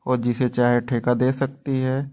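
Flat-voiced man explaining a lesson. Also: medium pitch. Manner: measured, textbook-like explanation. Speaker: educator.

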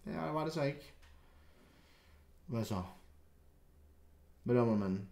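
A young man giving casual, excitable commentary while reacting to football clips, often stammering and restarting, loud outbursts dropping to low muttering. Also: gravelly, reverberant.

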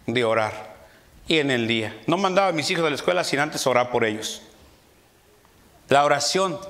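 A middle-aged man preaching a sermon in church, rising to shouts and peppering his talk with amens. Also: on the high side. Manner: mimics quarrelling voices in his anecdotes. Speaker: pastor. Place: church sanctuary.

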